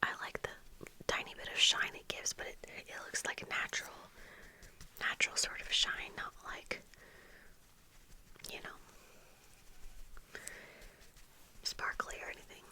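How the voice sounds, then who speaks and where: Leaning into a desk microphone with a fluffy windscreen, a young ASMR creator whispers gently and breathily. The talk is relaxed, meandering and slow-paced, set in a small bookshelf-lined room at her home.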